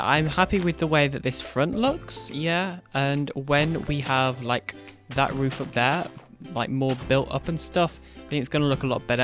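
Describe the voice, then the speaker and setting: Young male gameplay host, casual rambling commentary, groggy morning voice, mid-pitched, faint music under him. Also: a bit bright. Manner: rambling, self-correcting, chuckles often. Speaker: gaming YouTuber. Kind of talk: casual Let's Play commentary.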